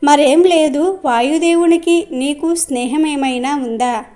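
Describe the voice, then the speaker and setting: A woman voicing a wily old male sage in a storybook tale, coaxing and flattering. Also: high voice, measured pace.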